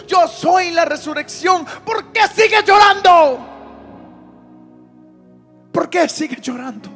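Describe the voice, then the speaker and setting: A preacher voicing Jesus as a grieved, reproachful grown man who asks pleading questions and rises to shouts. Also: extremely high pitch, full character voice.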